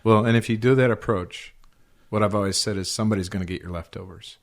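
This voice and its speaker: A man with a low voice shares his thoughts on a ministry podcast. He talks reflectively, often quoting his own inner thoughts as he goes. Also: steady tone, quick pace, gravelly. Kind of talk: casual ministry podcast discussion.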